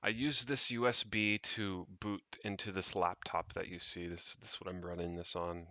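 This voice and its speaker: Pitched low and delivered flat at normal speed, the man's voice sounds bright and forceful, with no echo. During an unscripted livestream from his rented home, this tech hobbyist tinkers, muses aloud and drops casual swear words.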